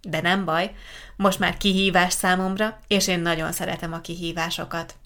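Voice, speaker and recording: Calm, lower-voiced woman podcast host. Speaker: podcast host for Hungarian learners. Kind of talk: casual podcast chat and reading a letter aloud.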